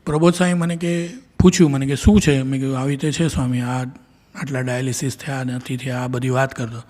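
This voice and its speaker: A man's voice: medium pitch, little pitch movement, a little fast, a little mellow. A middle-aged man, telling a devotional gathering about his personal memories, acting out quoted dialogue and often restarting his sentences. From India. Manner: earnest storytelling with quoted dialogue and frequent restarts. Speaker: devotee giving a talk. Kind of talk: personal spiritual testimony.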